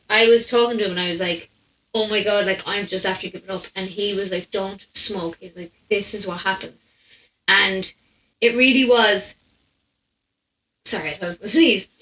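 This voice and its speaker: A young Irish woman hosts a podcast, telling chatty, rambling stories off the cuff with plenty of asides. Her mid-range voice has a sharp tone and a moderate pace. She sits close to a stand microphone in a small room at home, and the recording sounds roomy.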